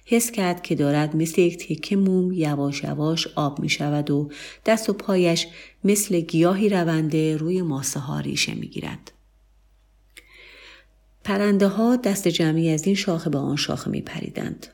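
A woman narrating a literary story in a calm, measured reading voice. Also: low voice, creaky.

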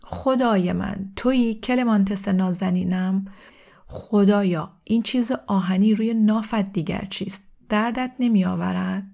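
A woman voicing a fussy, doting older aunt in a storybook, speaking slowly and hushed as she frets. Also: medium pitch, steady tone, gravelly, lightly acted. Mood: fretting.

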